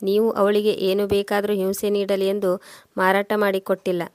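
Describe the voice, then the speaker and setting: An indignant father who demands answers on his daughter's behalf, read by a woman narrator in an audio story. Delivery is level with flat pitch. Dry, close recording. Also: normal speed, no echo, lightly acted. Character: indignant protective father of the bride.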